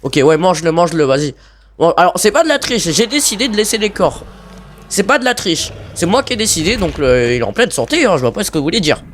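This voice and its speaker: Excitable man commentating a game. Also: sits high, quick pace, a little hiss or hum. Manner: excitable, shouts and pleads at the game, swears casually. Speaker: YouTuber commentating his own gameplay. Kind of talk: casual gameplay commentary.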